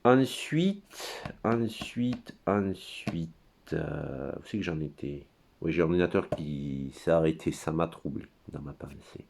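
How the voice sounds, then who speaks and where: A man with a very low voice talks on his own in front of his computer. His monologue is rambling and crude. He hesitates often, stumbles over fillers and wanders off into tangents. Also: expressive, slow pace, gravelly, a little mellow. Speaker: commentator.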